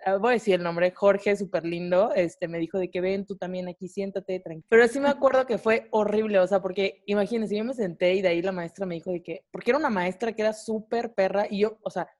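A woman in her twenties speaks with a Mexican Spanish accent as she co-hosts a podcast. She tells a personal story in a lively, casual way, leaning on fillers and slang. Her pitch sits in the middle of the usual range for a woman. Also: fast talker, hardly any pauses. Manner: animated, swears casually, frequent fillers. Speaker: podcast co-host.

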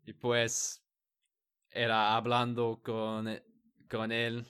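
In a casual chat in a language he has learned, a man speaks hesitantly, restarting words and hunting for the right ones. His mid-range voice is completely flat and very slow, with a slightly bright, clear, resonant tone.

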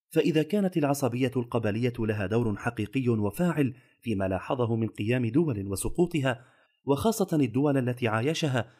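A man reading a magazine article aloud in formal scripted narration, with a steady, even delivery. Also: mid-range voice, breathy edge.

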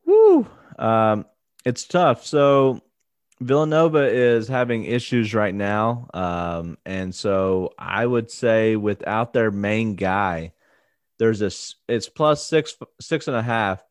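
A man's voice: fairly low pitch, takes it slowly, no room sound, studio quality. A man co-hosting a casual sports betting podcast, playful and confident, with jokey asides. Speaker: podcast co-host and betting analyst.

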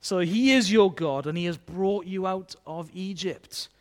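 High-voiced preacher. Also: male voice, measured pace. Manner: conversational, chatty, with tag questions. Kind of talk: sermon.

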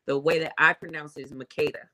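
Speaking in a deep yet slightly bright voice, a woman guesting on a casual interview as a musician talks about herself with careful, hesitant consideration.

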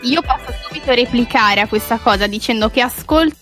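A woman with a fairly high voice chats casually as a podcast co-host. There is faint music behind her. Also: a little fast, a bit bright. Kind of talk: casual chat.

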